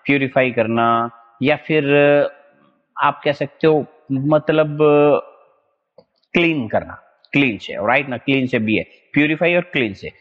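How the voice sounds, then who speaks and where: A man's voice: medium pitch, animated, unhurried. Indian man, exam vocab teacher, lo-fi with long reverb, keeps checking students follow. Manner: drills words, keeps asking "is that clear?". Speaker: exam-prep English teacher. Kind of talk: online vocabulary lesson.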